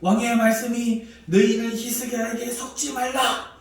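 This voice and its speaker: A man voicing an arrogant male enemy envoy who shouts scornful taunts. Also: expressive, normal speed, close to an everyday voice. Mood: scornful shouting. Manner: shouting taunts, loud and high. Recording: echoey hall, distant mic.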